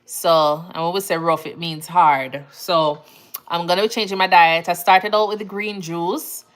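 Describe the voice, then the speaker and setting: On a livestream, a nurse from Jamaica reads viewer comments aloud and chats casually, her Jamaican accent and phrasing coming through. She speaks at a normal speed in a voice on the low side. The mood is relaxed and talkative, with easy laughter.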